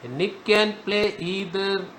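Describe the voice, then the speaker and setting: Slow, high-voiced man teaching grammar. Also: fairly even intonation, a bit bright, a little hiss or hum. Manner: slow, emphatic, repeats key words. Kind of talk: spoken grammar lesson.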